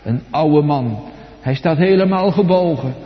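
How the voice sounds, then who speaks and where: A man with a high-pitched voice delivers a slow, deliberate sermon, dropping to near whispers and then rising to loud, ringing phrases. He puts questions straight to his listeners. The recording is dull and lo-fi, with a long reverb from a large hall. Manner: dramatic, swinging between soft and loud; addresses the congregation directly with questions. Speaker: preacher. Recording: echoey hall, dull lo-fi sound.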